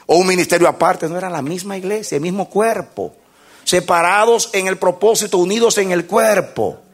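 A man preaching a sermon in an animated, emphatic way, with playful moments where he acts out little scenes. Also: high-pitched, normal speed, breathy edge.

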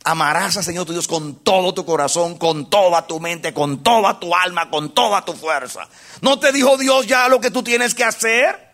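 A man preaching a sermon to a congregation, impassioned, asking them questions and repeating phrases for emphasis, swinging from hushed to loud. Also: high voice, normal speed. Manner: addresses the congregation directly with questions.

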